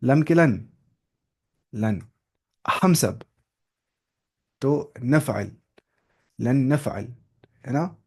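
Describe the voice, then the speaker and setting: Male teacher, online class, repeats verb forms patiently, mid-pitched voice. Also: expressive, very slow, pauses often, a little mellow, breathy edge. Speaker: Arabic teacher. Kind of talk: online grammar lesson.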